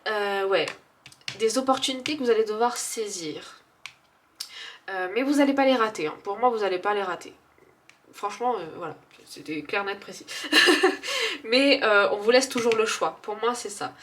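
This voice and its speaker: A woman's voice: medium pitch, animated, normal speed, a bit bright, a little hiss or hum. A woman doing a casual tarot reading, chatty and hesitant, with many fillers and frequent laughs. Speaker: tarot card reader.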